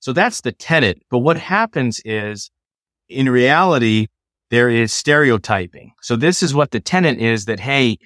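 A middle-aged man, a law professor, explaining ideas in a measured, lecturing way during a conversation. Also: mid-range voice, animated, a bit bright, dry recording, studio quality.

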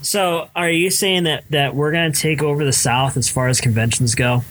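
A man hosting an interview, excitable and stumbling over his words. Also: fairly high pitch, normal speed, slight background noise, rough recording. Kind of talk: casual interview.

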